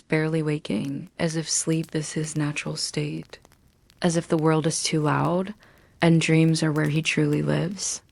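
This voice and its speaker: Slow, hushed low-voiced woman telling sleep stories. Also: gravelly, no room sound. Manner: soothing, gentle, unhurried with long pauses. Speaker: narrator of bedtime history stories. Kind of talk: soft, hushed sleep-story narration with guided relaxation.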